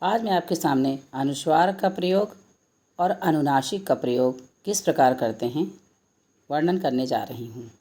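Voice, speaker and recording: A woman's voice: deep voice, lively intonation, mellow. A woman teacher giving a lesson to children, reading example words out one by one. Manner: slow, deliberate word-by-word reading of examples. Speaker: Hindi teacher.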